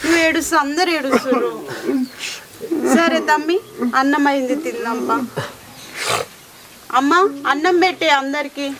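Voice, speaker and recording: A woman's voice: high-pitched, moderate pace, long pauses, a loud crowd, close to an everyday voice. A woman with a Telangana accent acting as a caring elder sister who fusses over her brother in a comedy skit. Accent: Telangana Telugu.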